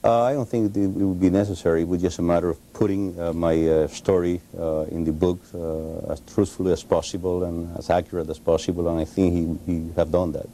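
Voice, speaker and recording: A Cuban-accented man in his forties, a Spanish speaker, answering in a TV studio interview, halting with many pauses and restarts, on a lapel mic. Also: deep voice, level tone, mellow, a little hiss or hum. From Cuba. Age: 40s. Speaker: interview guest, author.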